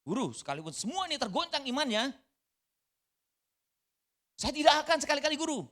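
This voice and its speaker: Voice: big pitch swings, brisk, a bit bright. A preacher voicing the apostle Peter, emphatic and pleading inside a sermon. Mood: protesting. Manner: emphatic, high-pitched earnest pleading. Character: impetuous apostle Peter, protesting loyalty. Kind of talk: acted quotation within a sermon.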